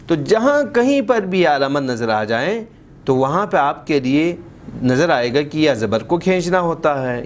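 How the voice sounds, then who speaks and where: Male Quran teacher, mid pitch, patient and encouraging, slow drawn-out spelling of sounds, light background hiss. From Baltistan, Pakistan. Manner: encouraging, praises the pupil often. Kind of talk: step-by-step recitation lesson.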